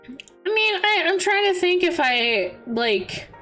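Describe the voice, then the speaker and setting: A young adult woman hosts an indoor VTuber livestream, chatting casually with background music playing. Her voice is extremely high and slow, and she's giggly and animated, telling stories, answering viewers, and letting out expressive exclamations.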